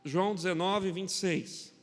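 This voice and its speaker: A man with a Brazilian Portuguese accent preaching a sermon as pastor, telling stories with quoted dialogue and swinging between loud and quiet. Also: high-pitched, fairly even intonation, measured pace. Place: church hall. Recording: long hall reverb.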